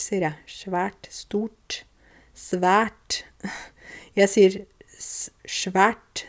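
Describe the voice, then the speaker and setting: A young woman in a chatty, clear spoken lesson, telling a story and explaining words to language learners. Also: lowish voice, warm tone. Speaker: Norwegian language teacher on YouTube.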